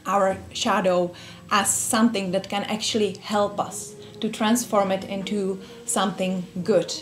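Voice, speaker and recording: Speaking at a measured pace in a mid-range voice, this young woman from the Czech Republic delivers her lines flatly, with a Czech accent. She's running a workshop for a small group in a room, keeping it friendly and casual while often using fillers and starting over.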